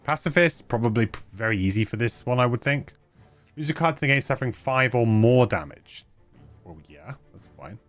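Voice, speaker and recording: Streamer: man, mid pitch, casual wry chat, faint music behind. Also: expressive, brisk. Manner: wry, chuckling asides. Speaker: streamer playing a game.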